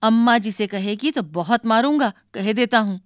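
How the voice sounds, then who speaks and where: Brief: woman playing a quick-tempered older brother, bossy and threatening, storybook style. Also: fairly high pitch, no echo, studio quality, natural voice.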